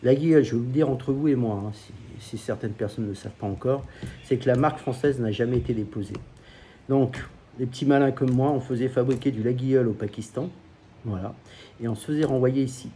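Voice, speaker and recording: A man's voice: mid-range voice, fast talker, warm tone, a little hiss or hum. A man from France telling crude, joking anecdotes about selling knives in a casual vlog, swearing often. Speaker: knife seller. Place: at home by a pool.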